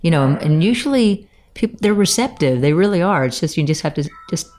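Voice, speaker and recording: A woman's voice: on the low side, animated, a little fast, darkish tone. A woman co-hosting a podcast interview, chatting casually in an encouraging, reassuring way.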